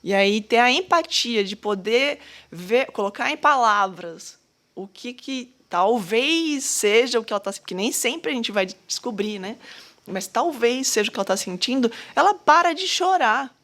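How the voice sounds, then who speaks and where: A woman's voice: fairly high pitch, lively intonation, unhurried, a bit bright. A woman educator in a casual podcast conversation, talking thoughtfully with many fillers and restarts. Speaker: educator at a school.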